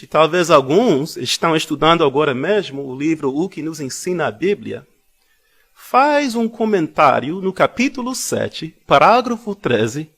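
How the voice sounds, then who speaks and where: A man giving a public Bible talk, deliberate and repeating phrases for emphasis, with personal anecdotes woven in. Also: on the high side. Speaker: congregation speaker.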